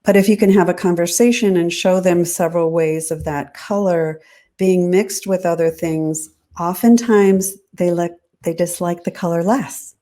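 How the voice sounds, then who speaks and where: A woman designer as an interview guest, explaining her ideas in a measured, thoughtful way. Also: on the low side, fairly even intonation, mellow. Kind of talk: interview answers.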